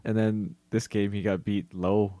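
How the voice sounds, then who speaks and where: A man with a deep voice co-hosts a sports podcast. He talks in a loose, conversational style, recorded dry without room echo. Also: little pitch movement, measured pace, dark tone. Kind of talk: casual hockey chat.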